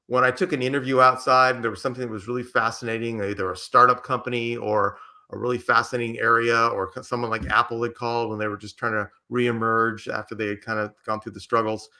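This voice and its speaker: An older American man with a bright, forceful voice recounts his career as a podcast guest. He tells anecdotes with energy, slipping into quoted dialogue. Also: mid-range voice, quick pace. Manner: lively anecdotes with acted quotes. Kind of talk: storytelling interview answer.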